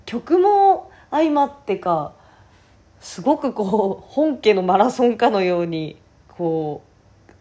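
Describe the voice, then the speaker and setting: A woman with a hoarse, raspy voice talking casually on her own as a podcast host. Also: on the low side, warm tone. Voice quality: husky, raspy. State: hoarse voice, worn out from the day before. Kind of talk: casual solo chat.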